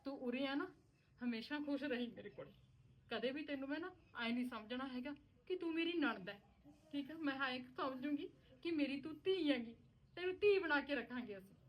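A woman's voice: high-pitched, animated, fairly quick, slight background noise, poor audio. A woman as a soothing motherly sister-in-law. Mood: comforting. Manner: soothing, reassuring.

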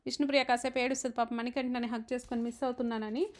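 A woman's voice: a little high, level tone, racing. A woman from India, living in the UK, giving a casual chatty recap of a reality show and acting out the quotes she retells. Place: home in the UK.

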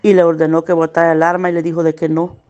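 A middle-aged woman gives earnest, pained personal testimony as a witness, slowing down at the hardest parts. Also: low-pitched, little pitch movement, darkish tone, clear, resonant tone, muffled recording. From El Salvador. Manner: earnest, pained recounting, slowing at hard moments.

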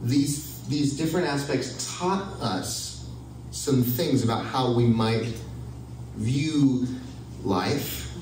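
A man's voice: mid-range voice, slow, darkish tone, echoey room, distant mic, a little hiss or hum, poor audio. A man giving a conversational sermon with wry humor, asking his audience for ideas. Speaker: pastor. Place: church hall with audience.

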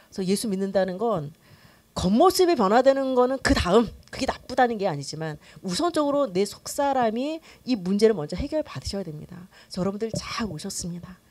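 A middle-aged woman pastor teaching a church class in a lively, conversational way, often acting out quoted voices and using many fillers. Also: on the high side.

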